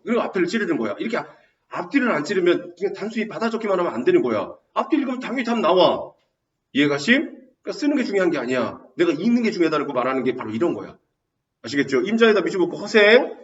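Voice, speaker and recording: A man teaching a high school Korean class, telling a story in an animated way and quizzing students with questions. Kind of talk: classroom lecture. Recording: roomy, distant, dull classroom recording.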